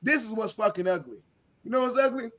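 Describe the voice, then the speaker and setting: A man's voice: high-pitched, expressive, fast talker, a bit bright. A man co-hosting a sports podcast, ranting with profanity and stammering restarts. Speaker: podcast co-host. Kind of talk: heated sports talk.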